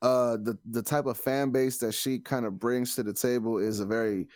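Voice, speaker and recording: A man's voice: medium pitch, fairly even intonation, moderate pace, a little mellow, no echo, studio quality. A man chatting casually as a podcast host, slangy and opinionated.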